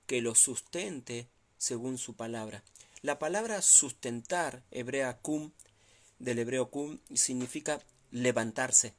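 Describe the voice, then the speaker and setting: Pastor urging his congregation. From Argentina. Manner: exhorting, repetitive urging, rises in pitch when pressing a point. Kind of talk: sermon. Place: church.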